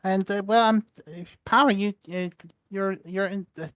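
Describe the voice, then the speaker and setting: A man's voice: sits high, steady tone, moderate pace, fairly bright tone, dry recording. A young man co-hosting a casual podcast, jokey and mock-indignant, laughing often. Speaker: podcast co-host.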